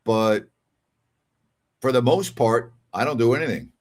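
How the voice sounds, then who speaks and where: This sports talk host, an older man, reads listener messages on his casual call-in show, chatting emphatically and repeating phrases for emphasis. He speaks in a mid-range voice at a measured pace, sounding animated and a little mellow.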